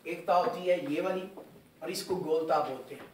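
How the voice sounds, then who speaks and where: Brief: high-pitched male teacher, patient and repetitive, recorded far off in a roomy mosque hall. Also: normal speed, a little mellow, a little hiss or hum. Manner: patient, repeats and quizzes students. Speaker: religious teacher. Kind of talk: Quran recitation lesson. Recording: echoey hall, far from mic.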